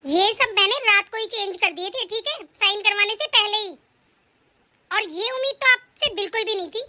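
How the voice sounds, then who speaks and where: A woman voicing a loyal, kind young daughter-in-law from a poor family in an animated story. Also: very high-pitched, moderate pace, heavily acted. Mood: reproachful. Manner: calm, earnest, firm.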